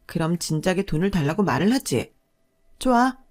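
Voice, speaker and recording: A woman voicing a pushy, greedy middle-aged sister-in-law who scolds and bosses loudly. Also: lowish voice, lively intonation, normal speed. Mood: wheedling. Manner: bossy, scolding, loud in anger.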